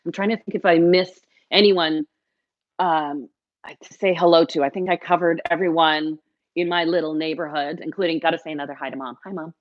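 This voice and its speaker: A woman's voice: deep voice, fairly even intonation, brisk, no echo, lo-fi sound. A middle-aged woman hosting a live baking lesson, chatting and cheering on viewers as she works in her kitchen. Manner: chatty and encouraging, talks to viewers directly. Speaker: baking show host.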